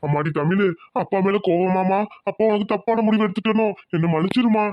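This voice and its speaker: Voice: mid-range voice, a little fast, lightly acted. A performer voicing a grieving middle-aged village father who blames himself, in a cartoon. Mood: remorseful. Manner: mournful, self-blaming. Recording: dull lo-fi sound.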